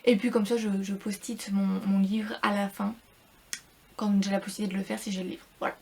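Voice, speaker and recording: A woman's voice: mid-range voice, level tone, fairly quick, mellow, breathy edge. A young woman, reviewing a book in a casual, rambling vlog full of repeats and fillers.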